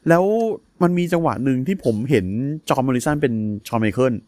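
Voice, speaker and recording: A man's voice: medium pitch, brisk, darkish tone, no room sound. A man co-hosting a casual wrestling podcast, chiming in with crude slang and easy agreement. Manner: laid-back, crude slang, frequent agreeing interjections. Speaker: podcast co-host. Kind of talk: casual wrestling recap chat.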